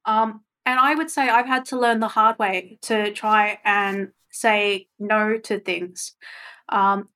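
A woman's voice: medium pitch, fairly bright tone. A woman speaking as a podcast guest, talking openly and thoughtfully with frequent ums. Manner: open, reflective, with frequent ums. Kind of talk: casual interview chat.

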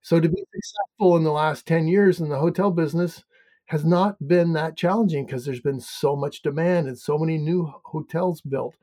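A man in his fifties with a Canadian accent speaks as a podcast guest. His voice sits a little high for a man, and he talks in a relaxed, conversational way, often pausing on ums and restarting his sentences. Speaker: guest, hotel financial coach. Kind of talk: podcast interview.

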